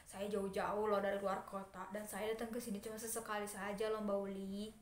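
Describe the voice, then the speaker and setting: A woman's voice: mid-range voice, flat delivery, fairly quick, close to an everyday voice. A woman playing an insistent, pleading mother from out of town as a bank customer in an amateur role-play. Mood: pleading, annoyed. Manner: complaining, pleading, informal. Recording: echoey room with background noise.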